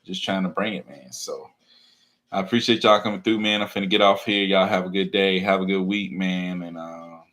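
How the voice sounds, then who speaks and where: A man's voice: sits low, steady tone, moderate pace, a bit bright. A man talking casually and earnestly to camera, encouraging viewers and filling his speech with "man" and "you know what I'm saying". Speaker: teacher and real estate wholesaler vlogger. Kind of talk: casual motivational talk to camera.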